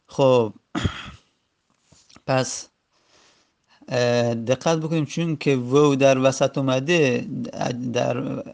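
A man's voice: medium pitch, steady tone, vocal fry, pauses often, darkish tone. A man teaching a grammar lesson, patiently repeating each form aloud with frequent hesitations.

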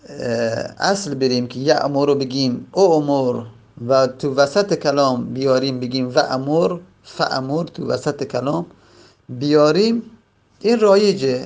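Gravelly man teaching grammar step by step. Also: medium pitch, darkish tone. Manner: explains step by step, repeats and draws out example words slowly. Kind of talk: classroom lesson.

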